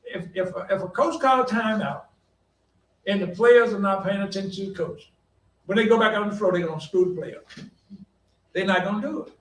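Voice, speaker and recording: An older man, a college coach telling folksy, animated stories on a conference panel. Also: sits high, a little fast, long pauses. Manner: folksy, animated anecdotes with quoted voices and laughter. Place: conference hall. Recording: echoey hall from a distance, faint background hum.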